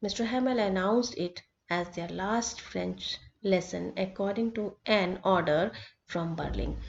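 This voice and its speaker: A woman's voice: mid-range voice, darkish tone. Woman teacher, dull lo-fi sound. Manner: reads English lines slowly, then explains them at length in mixed Hindi. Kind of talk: explaining a textbook chapter to students. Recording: dull lo-fi recording.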